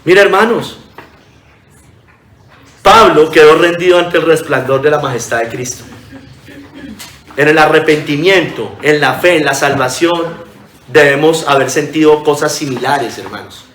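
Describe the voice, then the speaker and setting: A man's voice: fairly high pitch, unhurried, long pauses, fairly bright tone, echoey room. A pastor preaching a sermon in earnest, reading scripture aloud and calling his listeners brothers.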